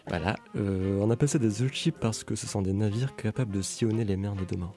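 Young man, radio columnist, low voice, dark tone, ironic, playful. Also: fairly quick, soft background music. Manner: playful, ironic, reads with asides. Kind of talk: scripted humorous radio column.

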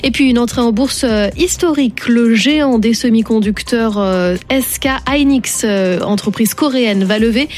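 A woman anchoring a radio news bulletin, reading briskly and clearly with the odd filler. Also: a little high, darkish tone, soft background music. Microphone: studio microphone.

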